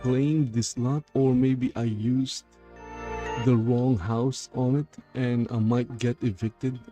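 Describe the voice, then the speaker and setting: A man's voice: medium pitch, fairly even intonation, slow pace. A man streaming a game through a voice changer, rambling and thinking aloud as he plays. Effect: voice changer shifting his voice. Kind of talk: casual gameplay commentary. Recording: game music playing clearly behind.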